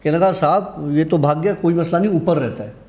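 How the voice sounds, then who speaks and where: A guest storyteller briskly relates a horror anecdote of his own, his voice on the high side with a darkish tone. The telling is conversational, with the dialogue acted out.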